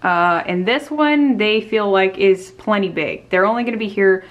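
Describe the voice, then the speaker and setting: A woman's voice: medium pitch, normal speed, highs cut off. A woman giving an upbeat, casual walkthrough of an empty condo, her voice echoing off bare walls. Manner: chatty, upbeat, loose with fillers. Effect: echoey empty room. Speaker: home renovation vlogger.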